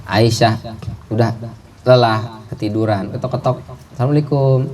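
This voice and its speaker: A man's voice: medium pitch, normal speed, crowd noise. A middle-aged man preaching a sermon, telling stories and acting out the voices of the people in them. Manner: lively storytelling, acting out voices of characters. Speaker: Islamic preacher.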